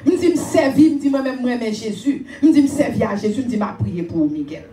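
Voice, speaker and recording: A woman preaching a sermon and telling a personal testimony, animated and often raising her voice with laughter. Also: fairly high pitch, quick pace, reverberant, recorded from a distance, slight background noise. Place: church.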